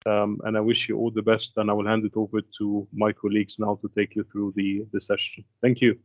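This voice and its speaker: A man from Egypt giving webinar opening remarks as a procurement head, speaking in a halting way with many restarts and fillers, dialing in on a call. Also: fairly low pitch, monotone, no echo. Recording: dull lo-fi call audio.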